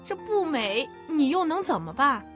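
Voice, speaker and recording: A woman playing a high, snappish wife. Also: big pitch swings, normal speed, fairly bright tone, faint music behind. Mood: retorting. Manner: retorting, snappish. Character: sharp-tongued middle-aged wife. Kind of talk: audiobook radio-drama acting.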